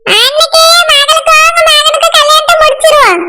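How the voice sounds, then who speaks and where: Woman playing a pushy groom's mother, Kanyakumari accent, very high squeaky voice, noisy, cartoon. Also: fairly quick. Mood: insistent. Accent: Kanyakumari Tamil. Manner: persuasive, insistent. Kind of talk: cartoon voice acting.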